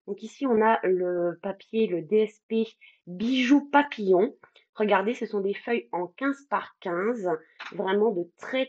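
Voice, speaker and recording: A woman's voice: a little high, dull audio. A French woman hosting a live craft stream, chatting casually, greeting viewers by name with many fillers. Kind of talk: casual live demo chat.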